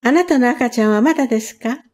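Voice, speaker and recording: A woman reading a storybook aloud and voicing a proud, chirpy mother songbird in a lifted, gently boastful voice. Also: on the high side, quick pace, natural voice.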